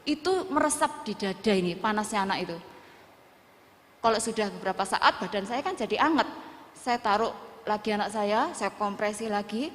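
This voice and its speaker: A woman's voice: on the high side, a little hiss or hum. Woman preaching in a reverberant church hall. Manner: storytelling with Javanese words mixed in, emotional. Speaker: preacher at a women's church service. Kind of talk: sermon testimony.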